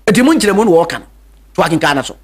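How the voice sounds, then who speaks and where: A man's voice: high-pitched, very animated, very fast, husky. A Ghanaian man preaching a radio sermon in Twi and English, emphatic, repeating key words, with hesitant fillers.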